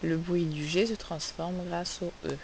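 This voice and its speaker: A woman teaching a phonics lesson, sounding out letters and syllables slowly and asking the class questions. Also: on the low side, steady tone, darkish tone, rough recording. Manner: slow, carefully spelled-out sounds, asks questions. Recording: faint hiss.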